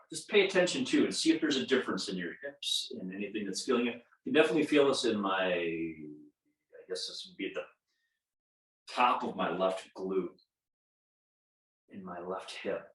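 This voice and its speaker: Low-voiced man in his fifties teaching yoga. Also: expressive, measured pace, pauses often, fairly bright tone, distant mic. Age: 50s. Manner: self-deprecating, chuckles at own jokes. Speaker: yoga instructor. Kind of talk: guided yoga class instruction. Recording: roomy echo, voice from off-mic.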